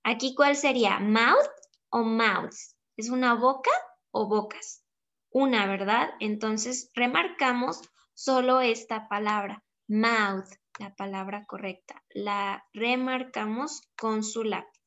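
A woman teaching children English in a recorded lesson, explaining patiently and reading English phrases very slowly. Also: a little high, fairly bright tone. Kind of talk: recorded online class.

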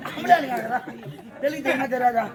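A man performing live stage comedy, loud, shouting and mocking his partner. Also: extremely high pitch, fast talker. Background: crowd.

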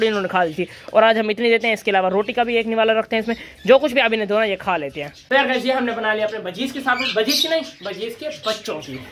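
Background noise sits under a young man's high voice as he narrates a relaxed farm vlog. A vlogger who keeps birds, he chats away while feeding his birds and rabbits, pausing his remarks to call and coax the animals.

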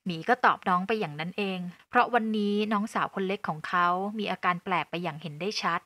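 A woman narrating a serialized audio novel in a steady, even reading voice. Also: on the low side, no echo. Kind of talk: scripted storybook narration.

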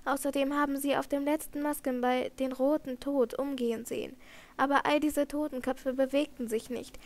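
A woman reading a first-person audiobook narration in a measured, dramatic manner. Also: high voice, flat delivery, darkish tone. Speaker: audiobook reader.

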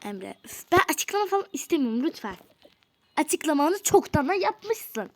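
In a doll role-play story, a woman plays an angry teenage girl, hurt and scornful, who scolds her boyfriend between exasperated sighs. Her voice is high and sing-song, a little mellow, at a moderate pace, with a faint hiss or hum in the background.

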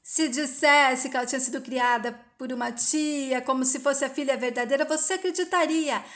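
Woman reading as a harsh older lady scolding somebody, kinda high voice, preachy. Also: normal speed, fairly bright tone. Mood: stern. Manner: harsh, lecturing. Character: stern mature woman, scolding and unforgiving.

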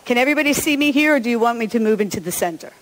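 A woman's voice: a little high, animated, racing. A woman pastor giving an Easter sermon and children's message in a church, chatty and encouraging and often chuckling. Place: large church sanctuary. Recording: long church reverb.

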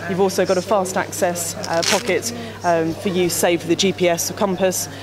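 With crowd chatter in the background, a thirtysomething company rep talks through her products at a trade show booth, stumbling over fillers and restarts. The interviewer holds the handheld mic, and her low-leaning voice stays fairly flat in pitch at a moderate pace.

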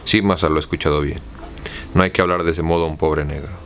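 A fearful, simple servant, read by a man with a Mexican accent in a deep voice that barely rises or falls. The lines come slow and plain. Faint noise sits behind him. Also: fairly even intonation. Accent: Mexican Spanish. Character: simple fearful male servant climbing a tree.

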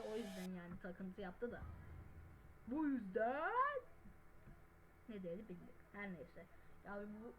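Loud yelling woman gamer. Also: fairly high pitch, slight background noise, low-quality recording. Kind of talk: gameplay commentary. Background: game music.

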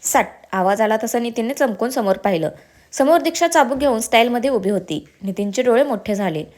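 A woman narrating a serialized family drama story with expressive storytelling. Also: fairly high pitch, a little fast.

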